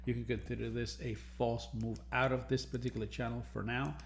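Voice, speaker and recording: A man hosts a premarket market analysis lesson as a trading educator, walking through charts in semi-scripted, explanatory talk and repeating phrases for emphasis. His voice is medium-pitched and fairly flat, a little fast, with vocal fry. There's a slight hiss or hum on the recording.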